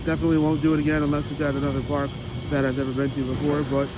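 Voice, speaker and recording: A man's voice: a little high, monotone, rapid-fire, background noise. A man giving casual, matter-of-fact roller coaster reviews as a vlogger outdoors at an amusement park. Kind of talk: casual vlog review to camera.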